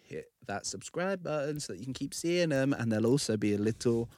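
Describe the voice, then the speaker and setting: Male podcast co-host, casual banter, animated and bouncy pitch, dry close-mic sound. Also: a little fast, dry recording. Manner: playful, jokey, lively delivery. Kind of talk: casual chat.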